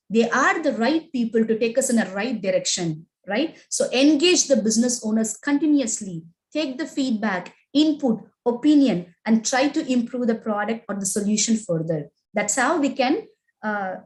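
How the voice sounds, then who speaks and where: An agile training instructor with an Indian English accent teaches a live online class in a fairly high, slightly mellow voice, on poor audio. She quizzes the class, reads their chat answers aloud and keeps tacking on "right?" and "okay?".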